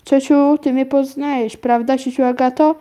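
A woman's voice: sits high, flat delivery, moderate pace, dark tone, lightly acted. A woman reading a storybook aloud, voicing an anxious young woman who is really a little girl, pleading and desperate.

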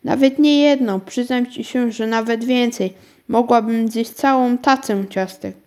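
A dreamy, scatterbrained elderly aunt from a children's storybook, put on by a woman reading the story. She talks slowly and coaxingly, drifting off into daydreams. The voice sits somewhat higher than the plain narration. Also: a little mellow. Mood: dreamy, hospitable.

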